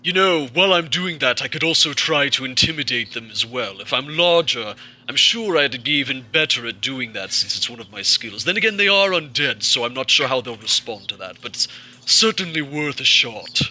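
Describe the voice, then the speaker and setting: An earnest warrior in cursed armor, voiced by a man with a very bright, forceful tone. He speaks in a measured, polite manner and at an everyday pitch. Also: lively intonation.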